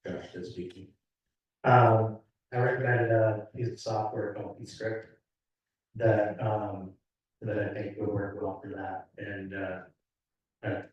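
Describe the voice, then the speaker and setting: A soft-spoken man offers a suggestion at a local meeting, halting as he goes. He sits far from the mic in a very echoey room. His voice is low and flat, and the sound is muffled. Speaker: meeting participant. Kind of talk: town meeting discussion.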